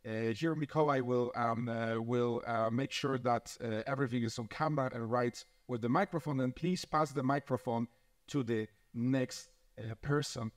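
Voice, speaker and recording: Moderating a conference panel at a moderate pace, a man with a mid-pitched voice presents the guests in a formal hosting role. His introductions are courteous yet halting, full of fillers.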